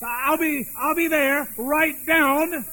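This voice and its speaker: A man's voice: extremely high pitch, fairly even intonation, slow, pushed and bright, slight background noise, heavily acted, low-quality recording. A man playing a giddy reformed old miser. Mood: excited generous. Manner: pleading, then overjoyed and breathless with laughter.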